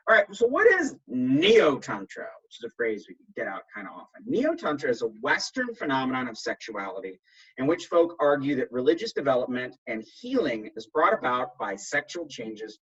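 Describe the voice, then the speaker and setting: Animated male lecturer, husky voice. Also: medium pitch, muffled recording. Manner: conversational, animated, with asides and restarts. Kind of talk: recorded college lecture.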